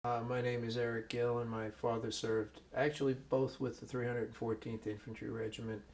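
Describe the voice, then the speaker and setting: A man telling his father's story in an oral history interview, at an unhurried storytelling pace. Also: mid-range voice, little pitch movement, darkish tone. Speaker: veteran's son, interviewee.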